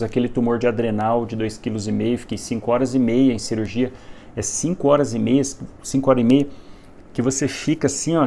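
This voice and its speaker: A man's voice: medium pitch, mellow, a little hiss or hum. A surgeon in his late thirties from Brazil gives earnest, emphatic advice to young doctors in a casual livestream, often repeating himself and restarting phrases.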